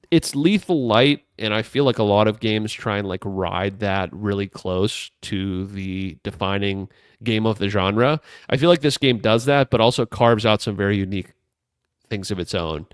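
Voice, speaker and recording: Smooth-voiced man chatting about games. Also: fairly low pitch, a little slow, no room sound, clean studio sound. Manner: relaxed, rambling, many fillers. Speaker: podcast co-host. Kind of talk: casual gaming podcast chat.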